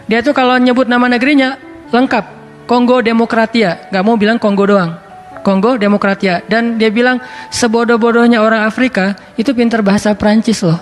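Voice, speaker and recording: A male preacher giving a casual, chatty sermon, talking conversationally and now and then reciting scripture. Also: very high-pitched.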